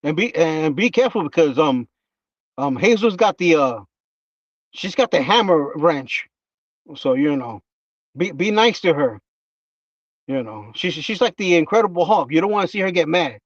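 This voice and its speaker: Rambling high-voiced man chatting on a livestream. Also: lively intonation, dry recording, recorded from a distance, muffled recording. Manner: rambling, halting with many fillers and restarts. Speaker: livestream host. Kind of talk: casual livestream chat.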